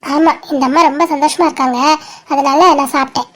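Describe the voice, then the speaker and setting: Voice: sits high, steady tone, a little fast, fairly bright tone. A performer voicing a bossy, caring young woman in a cartoon who scolds and nags her friend insistently. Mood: scolding. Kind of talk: dramatic cartoon dialogue.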